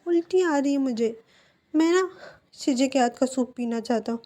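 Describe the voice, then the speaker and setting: Whiny, clingy pregnant young man, high and mellow, read in a storybook telling by a woman narrator. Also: normal speed. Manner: whiny, pleading.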